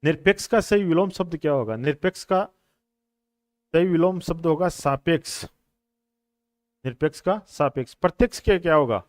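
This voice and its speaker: A man's voice: a little high, moderate pace, pauses often, dry recording, studio quality. A man teaching a coaching class on questions. He explains each answer patiently, repeats the answers and calls his students brothers and friends. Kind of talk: classroom lecture on Hindi exam questions.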